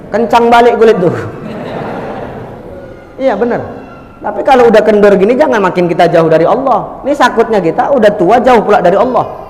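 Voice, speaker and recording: A man's voice: high voice, darkish tone, a little hiss or hum. A man preacher giving a jokey storytelling sermon, talking straight to the crowd as sir and madam. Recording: echoey hall reverb.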